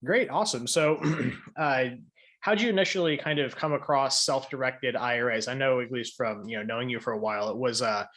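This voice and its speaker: A man's voice: mid-range voice, fairly quick, fairly bright tone. A man hosting a finance podcast, talking in a loose, conversational way with frequent fillers. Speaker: podcast host. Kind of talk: podcast interview and scripted explainer segments.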